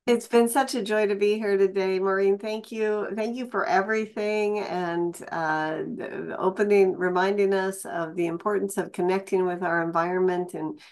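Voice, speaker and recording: A woman speaking informally and appreciatively, in an effusive but halting way. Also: medium pitch, fairly even intonation, darkish tone. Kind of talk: informal spoken thanks.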